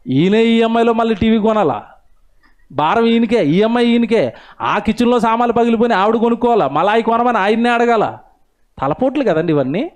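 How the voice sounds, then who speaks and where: A male pastor preaching a sermon, swinging between loud rhetorical questions and low asides.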